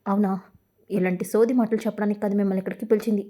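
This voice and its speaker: A woman voicing a scheming, sharp-tongued woman who scolds her henchmen. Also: medium pitch, fairly even intonation, rapid-fire, close to an everyday voice. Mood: scolding. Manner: scolding, harsh.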